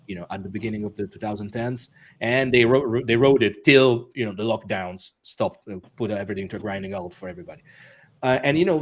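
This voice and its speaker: Halting, soft-spoken male interview guest. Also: medium pitch. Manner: halting, many restarts and fillers, laughs often. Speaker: interview guest, author and musician. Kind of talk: casual interview talk.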